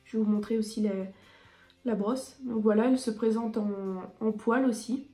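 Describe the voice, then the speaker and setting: A woman's voice: fairly high pitch, fairly even intonation, moderate pace, mellow, reverberant, faint music behind. A woman beauty vlogger reviewing her favourite products in a chatty, enthusiastic way with frequent hesitations.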